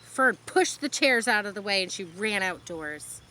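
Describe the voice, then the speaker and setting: Outdoors in the countryside, a storyteller with a mid-range voice reads a children's book at a moderate pace, expressively slipping in her own explanations. A faint hiss or hum sits under the recording.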